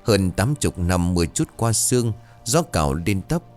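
A man's voice: low-pitched, very animated, moderate pace, a little mellow, soft background music. A man voicing the vengeful ghost of a wronged mother, speaking bitterly. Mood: mournful. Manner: bitter, grinding.

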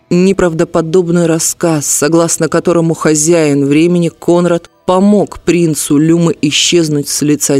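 A man narrating an audiobook in an even, expressive storytelling manner. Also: on the high side, no room sound. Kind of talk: scripted narration.

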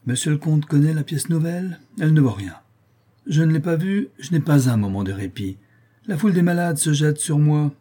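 A smooth-talking, fawning doctor with a lifted, loud voice , as a male reader puts him on. He flatters and bustles, piling compliment on compliment. The tone stays warm and a little husky underneath. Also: on the high side, moderate pace, pitched above the performer's own voice. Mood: flattering. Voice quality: raised, loud, honeyed delivery. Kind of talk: audiobook reading.

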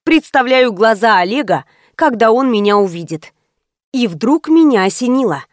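A woman reads a comic first-person novel aloud in an ironic, chatty way. Her voice is high and very lively in pitch. The recording is dry and close. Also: moderate pace, no room sound. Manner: ironic, chatty, addressing listeners. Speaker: audiobook narrator.

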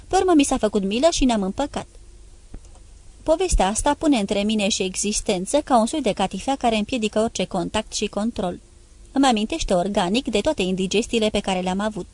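A woman's voice: mid-range voice, a little mellow, no echo. A woman reading a novel aloud in the first person, in a conversational, confiding storytelling manner. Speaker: audiobook reader.

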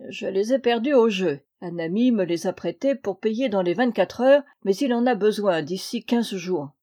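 A charming young rogue of a nephew who coaxes and flatters his rich uncle, as a woman reads him in an audiobook. His voice sounds mellow and warm, lifted with eager charm. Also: medium pitch, moderate pace, close to an everyday voice. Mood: wheedling. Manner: wheedling, coaxing. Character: charming, roguish young male diplomat nephew. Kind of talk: audiobook reading.

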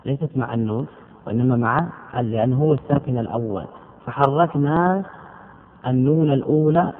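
A man teaching grammar line by line, stretching out example words and putting rhetorical questions to his students. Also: medium pitch. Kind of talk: explaining a grammar poem line by line. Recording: tinny phone-like recording.

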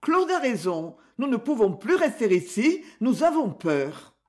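A man's voice: very high voice, big pitch swings, a little slow, voice pushed up, exaggerated voice. A male reader voicing a frightened young woman who pleads with her uncle, his voice raised well above his own. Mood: pleading. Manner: pleading, fearful. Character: anxious pleading young woman, a niece and wife.

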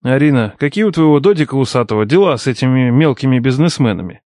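A man's voice: medium pitch, big pitch swings, quick pace, a little mellow, dry recording, studio quality, close to an everyday voice. A man voicing a cocky young former student who teases his teachers with sarcastic banter, in an audiobook. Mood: serious. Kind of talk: audiobook character dialogue.

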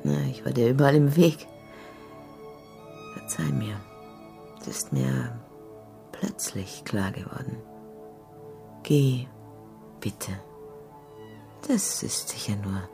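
Remorseful older woman, low gravelly voice, slow hushed delivery, faint music behind. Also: full character voice. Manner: hushed, broken, often whispering. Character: weary older woman, remorseful, letting her young lover go. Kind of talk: radio play acting.

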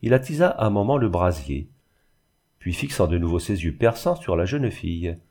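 A man reading a classic novel aloud in measured scripted narration. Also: deep voice, big pitch swings, a little mellow. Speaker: audiobook reader.

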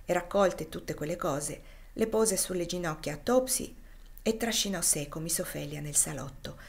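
A woman reading a classic novel aloud as an audiobook, in a measured, expressive narration. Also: lowish voice, creaky. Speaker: reader.

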